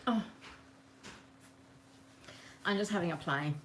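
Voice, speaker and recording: Woman, rambling live craft host, lowish voice, faint hiss, camera on the desk. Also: slow pace, a bit bright. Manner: chatty, rambling, greets viewers by name. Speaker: craft demonstrator hosting a live session. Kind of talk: casual live craft demo chat. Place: home craft table. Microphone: camera on the work table.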